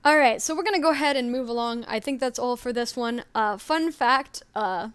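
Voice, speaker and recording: Chatty woman on a live stream, kinda high voice, dry close mic, rambles with lots of ums. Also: moderate pace, a bit bright, clear, resonant tone, dry recording. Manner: chatty and rambling, with frequent ums and little laughs. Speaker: story creator and stream co-host. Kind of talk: casual live-stream chat.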